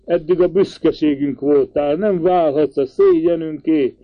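A man's voice: fairly high pitch, fairly even intonation, lo-fi sound, pitched above the performer's own voice, lightly acted. A man voicing an agitated elderly uncle who exclaims and pleads. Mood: pleading.

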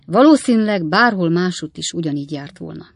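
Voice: mid-range voice, expressive, creaky, no room sound, clean studio sound. A reader voicing a gloomy, deferential male prison turnkey who speaks politely, in an audiobook. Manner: polite, says "sir" often. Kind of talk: audiobook character reading.

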